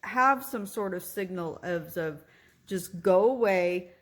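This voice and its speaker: A woman candidly telling a personal vlog story about her recovery from surgery, pausing often and giving earnest advice. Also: on the low side, lively intonation, a bit bright.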